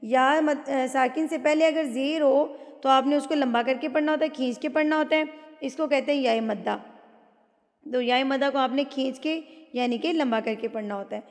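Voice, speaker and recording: A woman teaching tajweed, patiently explaining each rule and reciting phrases slowly. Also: sits high, big-room sound. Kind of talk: tajweed lesson with slow recitation.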